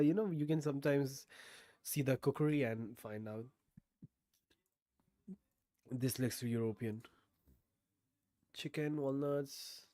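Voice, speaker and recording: A man's voice: medium pitch, dark tone, no echo. A man streaming a guessing game, thinking aloud with frequent swearing and sudden bursts of disbelief. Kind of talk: casual game commentary.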